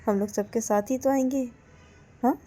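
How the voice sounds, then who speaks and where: A woman voicing a gentle middle-aged mother who reassures softly in a storybook tale. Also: fairly high pitch, fairly even intonation, normal speed, pitched above the performer's own voice, natural voice. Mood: soothing. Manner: soft soothing reassurance.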